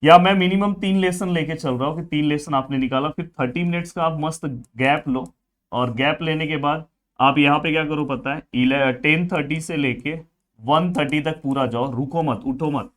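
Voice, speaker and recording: A man, coaching students through an exam study plan in an energetic, friendly way. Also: on the high side, moderate pace. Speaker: tutor.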